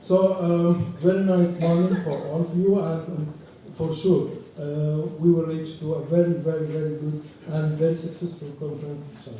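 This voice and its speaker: A man in his forties from Egypt speaks in halting, formal conference remarks and trips over repeated words. His voice is very dark and somewhat high for a man. The sound is heavily reverberant and comes from far off in a large hall, with faint noise behind it. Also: flat delivery. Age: 40s. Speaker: invited keynote speaker. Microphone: distant from the microphone.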